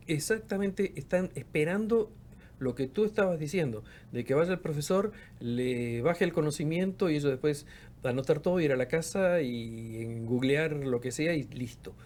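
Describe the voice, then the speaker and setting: On the high side and animated, yet at a moderate pace with a darkish tone, the fiftysomething researcher and professor from Argentina's Patagonia reflects as an interview guest in casual conversation. He often repeats words mid-search, and a little hiss or hum is audible.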